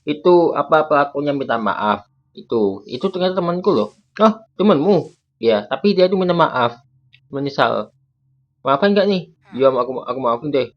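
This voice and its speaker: A man voicing every character in a game role-play skit, trading quick lines and breaking into excited shouts. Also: on the high side. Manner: quick back-and-forth, jumps between characters, bursts of excited shouting. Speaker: content creator voicing all characters. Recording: dull lo-fi audio with faint background music.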